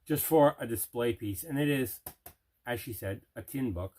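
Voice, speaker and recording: A man with a medium-pitched, mellow voice hosts a casual unboxing video for collectors, speaking at a normal speed. He chats to the camera with enthusiasm, repeating words for emphasis.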